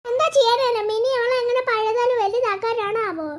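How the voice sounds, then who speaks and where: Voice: extremely high pitch, fairly even intonation, brisk. A young voice doing a scolding cartoon mom. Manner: scolding, worried. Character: scolding cartoon mother, fretful.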